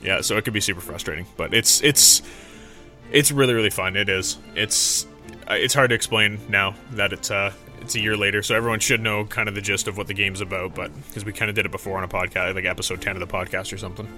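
A man's voice: lowish voice, fairly even intonation, fast, sharp tone, faint music behind. A young man hosting a podcast, telling rambling, profane stories in casual chat into a studio mic. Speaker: podcast host. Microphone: studio mic through a mixer.

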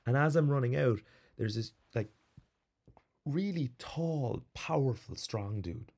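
A man hosting a podcast, telling a rambling, animated story with plenty of fillers before reading out some background. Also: medium pitch, slow pace, slightly rough. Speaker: podcast host. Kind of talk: casual storytelling monologue.

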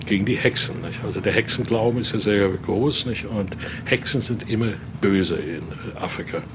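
Speaking with a fairly low pitch at normal speed, an older man acting as museum guide and interviewee explains and narrates like a tour guide. He talks spontaneously and keeps adding little questioning tags. Room ambience in the indoor exhibition space is clearly noisy.

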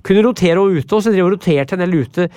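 A man from tells stories at a podcast, rambling and blunt and often repeating himself. His voice sits a little high for a man. The sound is close and dry. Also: a little mellow, clean tone, no echo. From Brumunddal, Norway. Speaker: podcast guest, author. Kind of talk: casual storytelling in interview.

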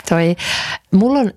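A woman in her forties co-hosting a casual chat podcast, keeping her voice low and hushed in a makeshift home studio. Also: dry recording. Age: 40s. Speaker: podcast co-host.

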